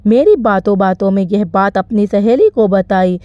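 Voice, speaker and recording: A woman narrating an emotional first-person story in an expressive storytelling manner. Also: medium pitch, normal speed, no room sound. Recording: slightly dull, dry recording.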